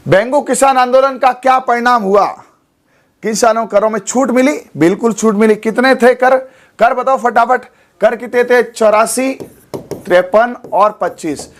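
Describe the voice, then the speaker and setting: A man teaching an exam-prep class, hoarse from a sore throat, quizzing students and repeating memory tricks. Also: very high voice, measured pace. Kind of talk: animated online exam lesson.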